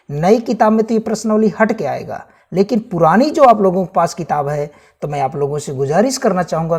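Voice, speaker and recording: This maths lesson has a man touring the syllabus chapter by chapter, repeating each point and calling his viewers friends. His voice is fairly high-pitched with a darkish tone.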